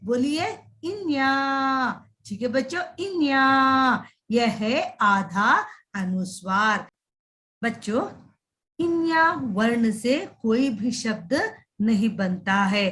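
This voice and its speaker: A woman's voice: on the high side, lively intonation, slow pace, a bit bright. A woman teaching young children in a recorded lesson voice-over, drawing out words in a sing-song way and repeating them.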